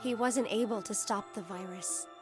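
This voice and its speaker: A woman voicing a calm, earnest young woman guide in a video game, speaking in a soft, measured way. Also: medium pitch, natural voice. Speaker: game character. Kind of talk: dubbed video game dialogue. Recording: game audio over loud music. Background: game soundtrack.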